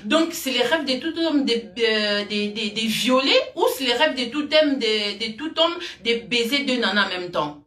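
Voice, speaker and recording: A woman's voice: fairly high pitch, expressive, moderate pace, a bit bright, reverberant. Indignant woman. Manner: emphatic, repetitive, rambling, addresses viewer as "ma chérie". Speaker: vlogger. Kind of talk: indignant commentary to camera.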